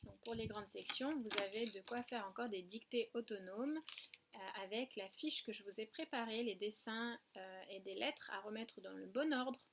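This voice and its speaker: A woman kindergarten teacher giving a home video lesson to young children, with slow, patient instructions, counting aloud and repeating words. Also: fairly high pitch, fairly bright tone, slight background noise.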